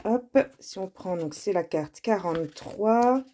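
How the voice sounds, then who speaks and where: A slightly hoarse woman presenting her oracle card decks, reading card names and texts aloud in a soft, unhurried way. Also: medium pitch, animated, slight background noise. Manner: slow and soft-spoken, reads card titles aloud. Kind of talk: casual show-and-tell with card readings.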